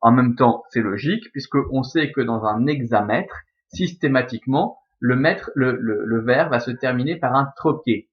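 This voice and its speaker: A man's voice: medium pitch, normal speed. A man with a Belgian French accent teaching a recorded Latin lesson, explaining step by step with many fillers and self-corrections. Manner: patient, methodical, with frequent fillers and self-corrections. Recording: slightly dull lo-fi sound.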